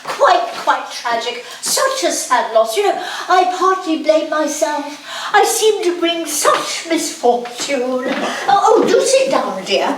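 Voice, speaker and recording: A woman's voice: high voice, very animated, takes it slowly, hardly any pauses, full character voice. A woman playing a prim, twittering old spinster. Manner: prim, twittering and overly polite. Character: fussy, genteel elderly spinster sleuth. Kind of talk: amateur stage play. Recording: echoey stage from far off, noisy.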